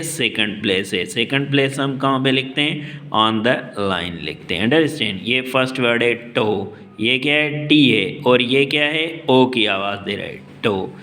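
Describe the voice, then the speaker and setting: A man with a Pakistani accent teaching a shorthand lesson, asking questions and answering them himself while spelling words out slowly. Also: mid-range voice, sharp tone.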